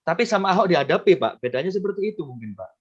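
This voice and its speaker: A man's voice: high voice, very animated, racing, breathy edge. Polite guy asking questions, kinda dull lo-fi sound. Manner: polite questioning with many hums of agreement. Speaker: interviewer. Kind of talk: live-stream interview.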